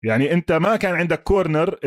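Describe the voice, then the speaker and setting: Fast-talking Levantine Arabic man, emphatic sports co-host. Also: on the high side, no room sound, clean studio sound. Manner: emphatic, peppered with English sports terms and checking questions. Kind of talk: casual American football analysis chat.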